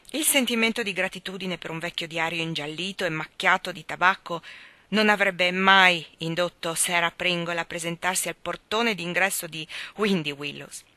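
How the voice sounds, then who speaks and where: Bright-voiced woman reading an audiobook. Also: fairly low pitch, no echo. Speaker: audiobook reader. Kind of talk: audiobook narration.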